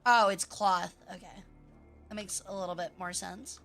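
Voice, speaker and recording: A woman's voice: mid-range voice, steady tone, moderate pace, creaky, fairly bright tone, soft background music. A woman livestreamer chatting to her viewers in a playful, cutesy anime-streamer manner.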